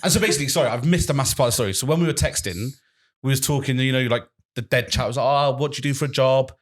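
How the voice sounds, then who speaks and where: A man's voice: medium pitch, rapid-fire. A young man, telling a rambling story in casual podcast chat, swearing and laughing along. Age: 20s. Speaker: podcast co-host.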